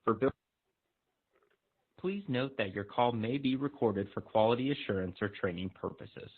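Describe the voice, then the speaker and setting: A man's voice: mid-range voice, moderate pace. A man's recorded phone menu greeting, read as a formal automated announcement over a phone line. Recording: tinny phone line played back from far.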